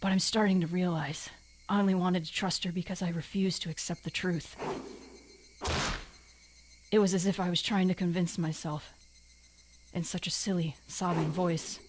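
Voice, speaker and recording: A woman doing an anime boy voice, low and brooding. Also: fairly even intonation, moderate pace, long pauses, background noise, natural voice. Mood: anguished, brooding. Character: anime teenage boy, anguished visual-novel protagonist. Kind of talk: dramatic reading of visual novel narration.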